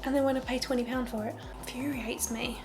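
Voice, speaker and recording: A woman's voice: fairly high pitch, steady tone, brisk, music in the background. A young woman talking through a makeup tutorial in a casual, candid way, with sarcastic asides.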